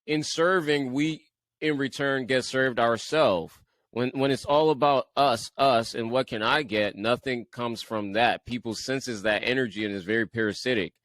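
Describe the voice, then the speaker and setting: A podcast host with a Liberian accent conducts an interview in a laid-back, casual way, speaking at normal speed in a medium-pitched, fairly bright voice. He often repeats words and laughs at himself.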